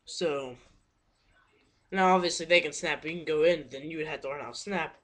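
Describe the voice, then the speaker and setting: A man's voice: a little high, normal speed, fairly bright tone. A teenage boy talking casually into his webcam at home, rambling, correcting himself and apologizing, a bit out of breath. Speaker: paintball vlogger. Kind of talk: casual webcam tips talk.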